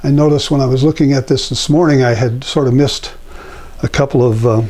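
Brisk and mid-range in voice, this older painting instructor offers an unhurried, rambling easel demonstration peppered with fillers. It was captured on a lapel mic at his home studio.

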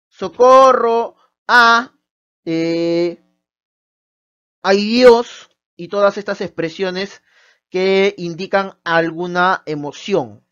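Woman teacher, patient explainer, mid-range voice, slightly dull lo-fi recording. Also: medium pitch. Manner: explains step by step, asking the listener questions. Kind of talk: recorded grammar lesson.

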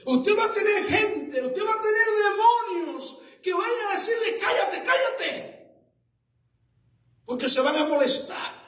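Fervent male pastor with a very high voice, shouting sermon, echoey room, off mic. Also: lively intonation, normal speed, recorded from a distance.

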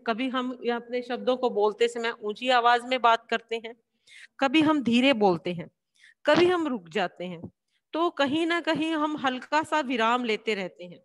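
A woman teacher giving a classroom lesson, explaining slowly and answering her own questions. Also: sits high, fairly bright tone, in a large hall. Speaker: school teacher.

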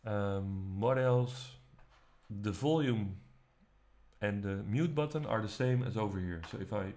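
A man teaching music production, walking through the software step by step in a relaxed, casual way. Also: fairly low pitch, measured pace, a little hiss or hum. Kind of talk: screen-recorded software tutorial. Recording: faint music playing behind. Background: faint music.

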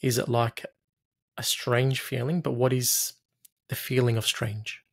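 A man in his thirties with a medium-pitched voice, recorded dry. He guides a client as a therapist, asking patient questions and offering steady reassurance. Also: unhurried, vocal fry, no room sound. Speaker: hypnotherapist, coach. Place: small room, video call.

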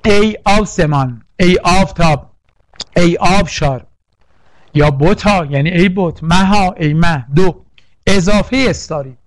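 A man's voice: sits high, dry recording. A man teaching a poetry lesson for exam prep, drilling lists and quizzing the class with questions. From Iran. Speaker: literature teacher.

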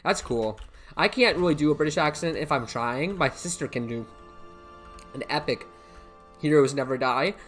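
At a normal speed but pausing often, a young man from the United States speaks in a slightly high, expressive, fairly bright voice over soft background music. He hosts a live game stream from an indoor computer, rambling casually through a headset mic, repeating himself, and reading chat while thanking viewers by name.

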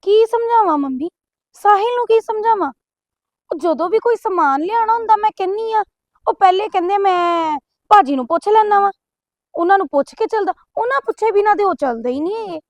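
A woman's voice: sits high, normal speed, dry recording, close to an everyday voice. A young woman playing a meek, hardworking married daughter who pleads with her mother in a scripted family skit. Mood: plaintive.

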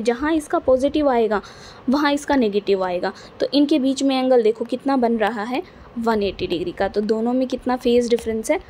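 A woman's voice: a little high, dark tone, slight background noise. A woman teaching a physics lesson in style classroom talk, patiently repeating points and checking that students follow. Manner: repetitive, patient, checks understanding often. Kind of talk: classroom lecture explaining to students.

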